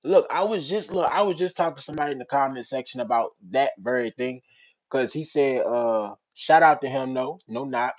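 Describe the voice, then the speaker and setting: A young man with a Richmond, Virginia accent, hosting a casual live-stream chat with viewers. He uses street slang and breaks into loud teasing. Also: medium pitch, a little fast, muffled recording. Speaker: channel host.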